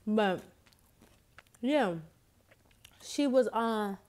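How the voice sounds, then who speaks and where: A woman's voice: a little high, extremely slow, a little mellow. A woman casually telling a story in slangy speech while eating, her mouth sometimes full. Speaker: vlogger.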